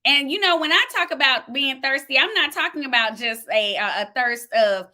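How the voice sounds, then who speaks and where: Answering comments from viewers out loud, a woman teaches in a live-streamed sermon with fervent, preacherly conviction, sharing a word as a minister. She speaks at a moderate pace in a high-pitched, sharp voice.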